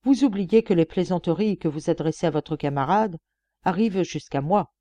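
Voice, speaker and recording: A woman voicing a stern, formal male investigating judge who questions in a measured, severe way. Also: on the low side, dark tone, no room sound, close to an everyday voice.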